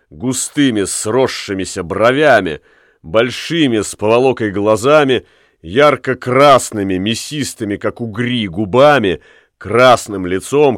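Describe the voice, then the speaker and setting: A man reading a story aloud as narrator, with lively, expressive delivery. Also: fairly low pitch, no echo. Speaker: audiobook reader. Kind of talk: scripted narration. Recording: dry studio reading with faint music.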